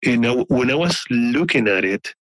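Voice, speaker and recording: A man in his forties telling a personal story as a podcast guest, in a halting way with many restarts. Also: mid-range voice, lively intonation, fairly bright tone, dry recording, low-quality recording. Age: 40s. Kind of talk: casual storytelling.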